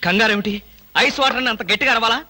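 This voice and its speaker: A man's voice: very high-pitched, steady tone, very fast, bright, forceful tone, slight background noise, exaggerated voice. A tense, hounded man. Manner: tense, defensive. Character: nervous man hounded by a blackmailer. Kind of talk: film thriller dialogue.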